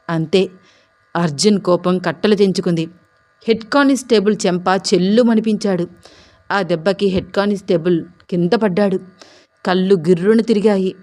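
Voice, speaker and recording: A woman storyteller giving scripted, expressive narration of a suspense story. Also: medium pitch.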